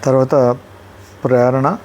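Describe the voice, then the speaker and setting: A man's voice: medium pitch, takes it slowly, lo-fi sound, slight background noise. Telugu-accented man reviewing a show. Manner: animated retelling, mimicking contestants' lines. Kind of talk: casual episode review.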